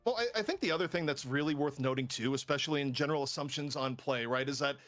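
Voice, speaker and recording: Brief: male esports play-by-play caster, high, fast and excitable. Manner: excitable, builds hype on big plays. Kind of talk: hype play-by-play commentary.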